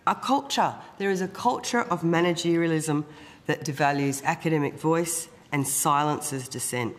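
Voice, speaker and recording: An union representative with a croaky, froggy, hoarse voice, reading a formal and emphatic opening statement. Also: medium pitch. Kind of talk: prepared opening statement to a parliamentary committee. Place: committee hearing room. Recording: echoey hearing room with long reverb.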